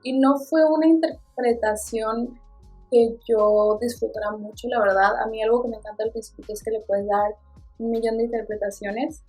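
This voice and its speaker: Mexican girl doing a book vlog, kinda high and breathy, expressive and playful. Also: moderate pace, soft background music. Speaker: book vlogger. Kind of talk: casual book review chat.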